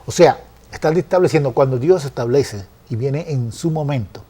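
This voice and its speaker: A man earnestly explaining Bible passages in a conversational study, often pausing with fillers and restarting phrases. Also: medium pitch, dark tone, slightly rough. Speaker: Bible teacher.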